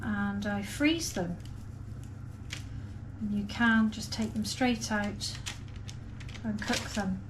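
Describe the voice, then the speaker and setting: A woman's voice: mid-range voice, slow pace, long pauses. A woman chatting casually and unhurriedly as she talks viewers through a home baking vlog step by step. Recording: clear background noise, room ambience.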